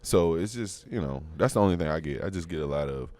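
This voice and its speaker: A young man talking casually as a guest, halting and restarting with "I mean" and "like". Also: low-pitched, animated, a little mellow, no echo. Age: young adult. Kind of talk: casual chat.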